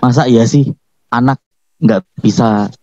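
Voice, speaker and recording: A man's voice: mid-range voice, takes it slowly, warm tone, dry recording. A man co-hosting a casual podcast chat, agreeable, mostly giving short replies and backing up the speaker. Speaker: podcast co-host. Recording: dull, lo-fi podcast audio.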